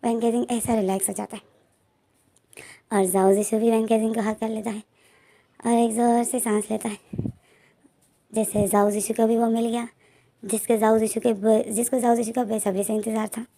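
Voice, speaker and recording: Woman storyteller, casual retelling, slightly high, mellow tone. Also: flat delivery, normal speed, creaky, pauses often. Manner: chatty, conversational narration. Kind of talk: casual fan-fiction retelling.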